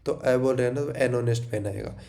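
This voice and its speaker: A man's voice: mid-range voice, quick pace, creaky, warm tone. A young Indian man giving an exam revision lecture, mixing in English and often asking and then answering his own questions. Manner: checks in with frequent "theek hai", asks and answers own questions. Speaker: teacher.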